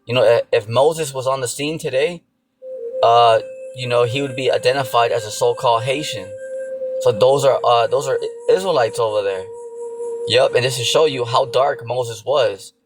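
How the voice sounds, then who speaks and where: A religious teacher preaches an informal sermon in a mid-range male voice at normal speed, with music in the background. He repeats himself, leans on fillers, and keeps checking in with the listener through "okay" and "you know."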